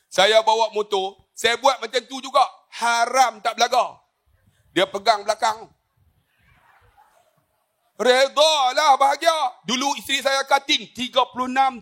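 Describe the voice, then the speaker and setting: A man's voice: very high-pitched, bright, forceful tone. A man, giving a jokey religious forum talk full of stories and asides to the audience. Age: 50s. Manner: jokey storytelling, addresses the audience often. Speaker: religious speaker on a forum panel.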